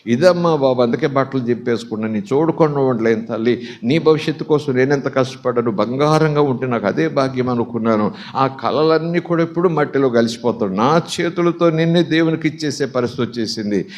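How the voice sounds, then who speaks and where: A man's voice: medium pitch, a little fast, a little mellow, close to an everyday voice. A man preaching in Telugu, voicing a grieving warrior father who laments to his daughter. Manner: lamenting, pleading.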